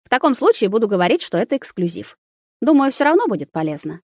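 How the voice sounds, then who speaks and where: A woman reading a lively young witch baker. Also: on the high side, fast, no room sound, studio quality, voice pushed up.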